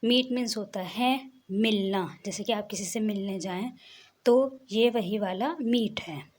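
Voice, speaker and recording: A woman's voice: mid-range voice, measured pace, darkish tone. A young woman, a teacher patiently explaining English words and spelling them out letter by letter.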